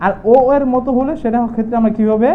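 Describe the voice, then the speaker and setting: Man, teacher, quick explanatory talk, rhetorical questions, tinny phone-like sound. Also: very high-pitched, steady tone. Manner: rhetorical questions answered himself, repetitive. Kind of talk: Bangla pronunciation lesson. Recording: tinny phone-like audio, faint noise.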